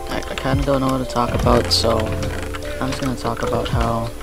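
A young man giving casual, deadpan, low-energy commentary on his own video gaming. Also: brisk. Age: young adult. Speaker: gamer commentating own gameplay. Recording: loud music behind the voice. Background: loud music.

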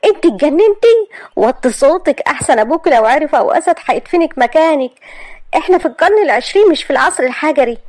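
Woman putting on a strict Egyptian mother, scolding, sharp, quick, dry sound. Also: sits high, animated, no echo, voice pushed up.

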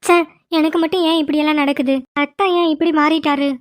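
A lovesick young snake-woman in a cartoon, voiced by a woman, sad and pleading. Her voice is high and tearful. It is recorded dry and close. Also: fairly even intonation, quick pace, no room sound, lightly acted.

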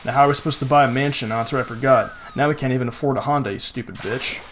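A man's voice: mid-range voice, steady tone, very fast, a bit bright, slight background noise. A young man hosting a let's play, rambling casually with lots of "like" and frequent swearing. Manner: rambling and profane, heavy use of "like". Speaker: gaming channel host. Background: game music.

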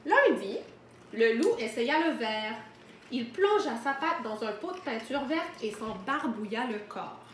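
A woman teacher reading a picture book aloud to children from home, gently explaining words as she goes. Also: on the high side, expressive, a little slow, reverberant, a little hiss or hum.

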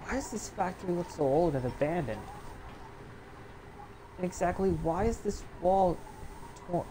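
A man's voice: sits high, lively intonation, a little slow. A young man giving casual let's play commentary, talking back to the game's characters. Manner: talks back to game characters. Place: indoor room at home. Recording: faint noise, game audio behind.

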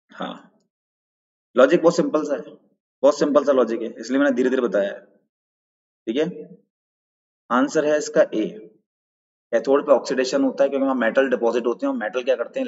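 A man's voice: medium pitch, fairly even intonation, a little fast, long pauses, darkish tone. A man teaching a live online quiz lesson, explaining answers step by step and checking in with his viewers. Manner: greets viewers in chat and asks for answers. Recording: dull, lo-fi sound with long reverb.

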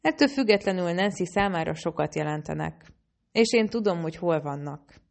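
Woman narrator doing a joking young hacker, deep and gravelly, audiobook. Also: lively intonation. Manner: joking, talks with mouth full. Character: wisecracking young man hacker.

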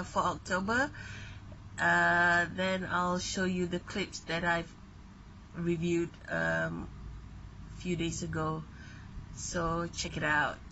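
Casting: woman, middle-aged, unhurried casual vlog talk, muffled home audio. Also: fairly low pitch, bright, forceful tone. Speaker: beauty vlogger. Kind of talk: casual chat to camera. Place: small bedroom at home. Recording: dull, noisy home camera audio.

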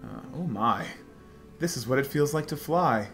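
A man's voice: mid-range voice, expressive, moderate pace. Young man chatting while gaming. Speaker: video game let's player. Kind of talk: casual chat while playing. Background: faint game music.

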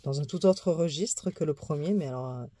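Low, mellow-voiced chatty woman. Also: normal speed, a little hiss or hum. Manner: chatty, easygoing, many fillers and small laughs. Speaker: tarot YouTuber. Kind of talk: casual show-and-tell deck review.

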